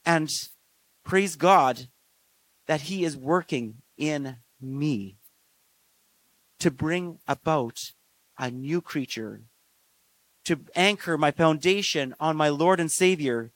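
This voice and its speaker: A man preaching a sermon in an earnest, measured way, slowing down on key phrases. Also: a little high, fairly bright tone. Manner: earnest, measured delivery with slow emphatic phrases and frequent fillers.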